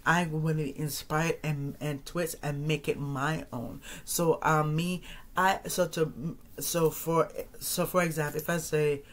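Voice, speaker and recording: A man's voice: a little high, little pitch movement, measured pace, fairly bright tone. Rambling man in his thirties hosting. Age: 30s. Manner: rambling, repeats phrases and restarts often. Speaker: podcast host. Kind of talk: casual solo monologue.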